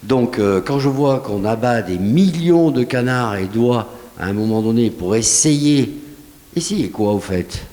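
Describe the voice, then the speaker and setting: A man with a southwestern French accent answering audience questions at a public lecture, lively and conversational, using rhetorical questions. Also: mid-range voice, a little slow. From southwest France. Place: lecture hall. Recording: long hall reverb.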